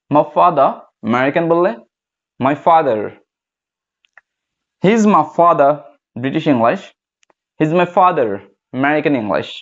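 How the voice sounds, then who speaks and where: Man, English teacher, native Bengali speaker, repeats points, asks and answers himself, slightly raised voice, muffled recording. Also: a little high. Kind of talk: classroom lesson.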